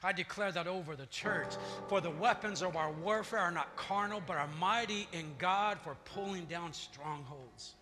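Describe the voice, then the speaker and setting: Male pastor in full sermon mode, high-pitched, lots of church reverb. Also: normal speed, hardly any pauses, bright, forceful tone. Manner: preaching, builds to declarations. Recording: long church reverb, faint music.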